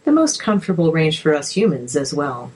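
A woman narrator reading articles aloud in a measured, steady way. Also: low-pitched, slightly rough, low-quality recording.

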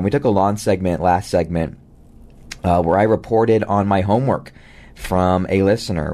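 Deep-voiced gravelly radio talk host. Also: male voice. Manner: relaxed, many fillers, reads out numbers.

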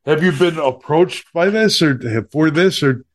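A middle-aged man with a Chicago accent hosting a talk show, rambling and lively with many fillers. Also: on the high side, a little slow. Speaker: podcast host. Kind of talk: casual chat.

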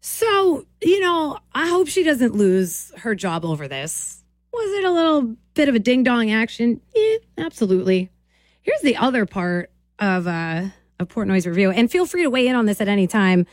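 A woman hosting a morning radio show, chatting in a gossipy, animated way. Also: a little high, moderate pace, no echo, studio quality. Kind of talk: casual radio chat.

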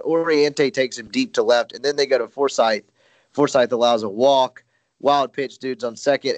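A man's voice: medium pitch, no echo. A man chatting casually as a podcast co-host, rambling with many fillers and self-corrections. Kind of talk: casual baseball chat.

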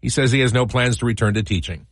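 A man's voice: medium pitch, fast, no echo, studio quality. A man hosting a morning radio show, talking in an upbeat DJ style that moves between announcing and banter. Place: radio studio.

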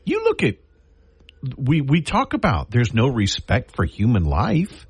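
A man hosting a radio talk show, chatting casually in quick, animated bursts that often break off and restart. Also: mid-range voice, slightly rough, no echo. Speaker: radio host.

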